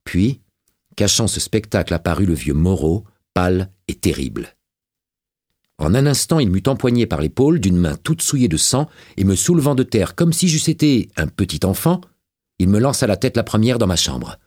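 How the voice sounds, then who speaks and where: A man narrating a novel as an audiobook, with a dramatic and expressive reading. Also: deep voice, moderate pace, dry recording, studio quality.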